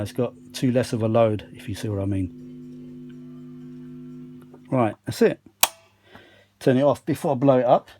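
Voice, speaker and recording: A British man with a mid-range, darkish voice presents a video as a hobbyist repairer, giving casual, unscripted running commentary and often muttering asides to himself as he works. He's in a home kitchen workshop, recorded on a handheld phone.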